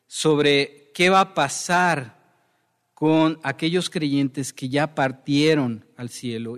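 A man teaching a sermon through a Bible passage, slow and unhurried, with a voice pitched a little high. He often pauses to check in with his listeners. His voice carries a long reverb. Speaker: preacher.

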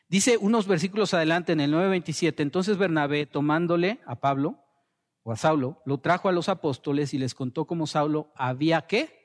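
A man preaching a sermon as pastor, building to impassioned peaks and dropping to soft, slow quotations. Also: fairly high pitch, long reverb tail.

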